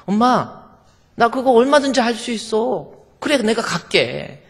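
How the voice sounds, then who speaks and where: A man voicing a grown daughter, a professor, pleading loudly and emphatically with her mother. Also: medium pitch, fairly quick, creaky, breathy edge, in a large hall. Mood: eager.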